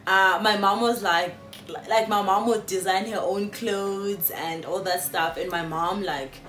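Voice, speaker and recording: A South African YouTuber in her late twenties speaks with a medium pitch, and her voice is reverberant. She's filming a Q&A vlog on her phone from a sofa in a small room, addressing viewers in a chatty, warm-hearted way and using frequent fillers.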